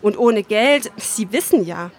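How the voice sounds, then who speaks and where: A woman's voice: medium pitch, animated, a little slow, lightly acted. A woman reading the part of a shy young male factory worker in a story, pleading earnestly and sorrowfully.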